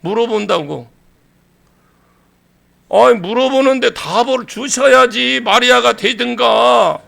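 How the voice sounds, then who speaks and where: A male pastor preaching a sermon in a church, animated and acting out scenes, raising his voice to a shout for emphasis. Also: very high voice, measured pace, gravelly. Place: church sanctuary.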